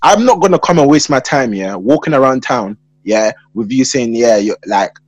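A man's voice: mid-range voice, lively intonation, normal speed, no echo. A young man with a London roadman accent and heavy street slang, chatting casually and emphatically, often checking that he is understood. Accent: London roadman, multicultural urban slang. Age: young adult.

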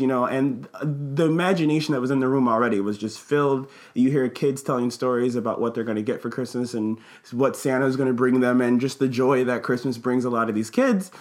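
A man who works at a school, telling a casual story in a rambling, earnest way with many fillers. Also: mid-range voice. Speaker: school staff member.

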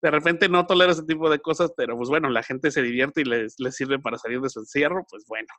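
A man with a Mexican accent chatting casually as a podcast co-host, full of slang and putting on quick voices in quotes. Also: a little high, a bit bright. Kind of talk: casual chat.

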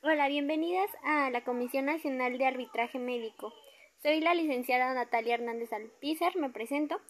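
A woman's voice: sits high, normal speed, slight background noise, lightly acted. A woman with a Mexican accent playing a courteous complaints officer in a role-play, using a polite, formal customer service voice. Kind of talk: amateur acted role-play.

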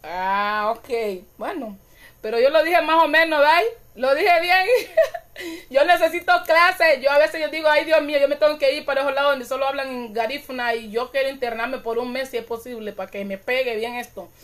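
A woman's voice: high-pitched, brisk, a bit bright. A woman hosting a casual live-stream chat, reading viewer comments aloud and calling her audience "mi gente", with laughter at her own slips.

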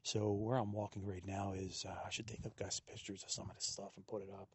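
A man hosting a podcast, musing aloud in a soft-spoken reflective monologue while walking a quiet wooded trail, captured on a handheld digital recorder without a windscreen. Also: fairly low pitch, flat delivery, brisk, breathy edge, no room sound. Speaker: podcast host. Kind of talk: reflective solo monologue on a walk. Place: outdoors on a quiet wooded trail in a state park.

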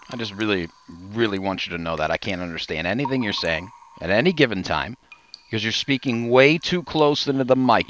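A man improvising a comedy sketch, exasperated and deadpan. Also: mid-range voice, a little hiss or hum. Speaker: comedy podcast co-host.

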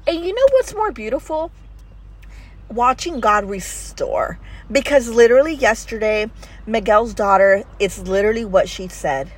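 Woman, middle-aged, podcast host, motivational faith talk, earnest, preachy, slightly high-pitched. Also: animated, unhurried. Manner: earnest, preachy, repeats phrases and asks "right?".

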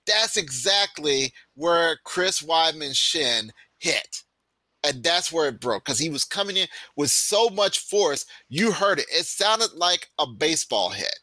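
Man co-host, raised pitch, very bright, lively and emphatic, dry sound. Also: measured pace, dry recording. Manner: emphatic, eager to correct and add detail. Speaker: podcast co-host. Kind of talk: casual sports chat.

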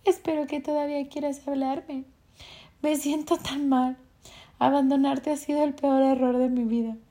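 A woman reading as a crying young girlfriend begging forgiveness, high and pleading, for an audiobook. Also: flat delivery, normal speed, warm tone. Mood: tearful pleading.

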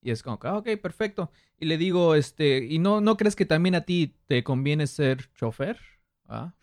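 A man's voice: a little high, moderate pace, dry recording, studio quality. Northern Mexican man, slangy podcast storyteller. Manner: animated retelling with acted-out quotes and street slang. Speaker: podcast host. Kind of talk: casual slangy podcast chat, telling anecdotes.

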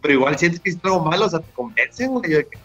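A man's voice: on the high side, expressive, racing, pushed and bright, lo-fi sound, faint music behind. A young man with a Mexican accent telling a long, rambling story in slangy casual chat on a podcast. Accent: Mexican Spanish. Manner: rambling, slangy, full of restarts. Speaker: podcast guest.

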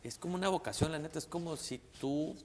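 A man's voice: on the high side, fast. Middle-aged Mexican male comic, rambling slangy storyteller, reverb-heavy sound. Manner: slangy, crude, rambling with many restarts. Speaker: guest comedian. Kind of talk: casual storytelling. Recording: long reverb.

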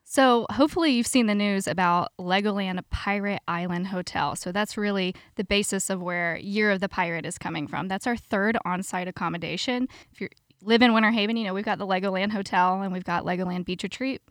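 A woman's voice: medium pitch, brisk, dry recording, studio quality. A woman, a PR manager guesting on a podcast, bubbly and promotional as she describes upcoming events. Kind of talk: casual interview.

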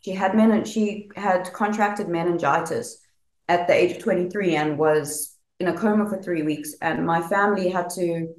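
A woman's voice: fairly low pitch, steady tone, moderate pace, echoey room, low-quality recording. A woman guest telling her personal story candidly, laughing through hard memories.

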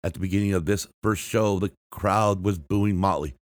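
A man's voice: low voice, steady tone, moderate pace, no echo. A man hosting a podcast, reading music history aloud from a script, often stumbling and restarting words and marking quotes with "and I quote". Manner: reads from a script with frequent restarts and self-corrections. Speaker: podcast host.

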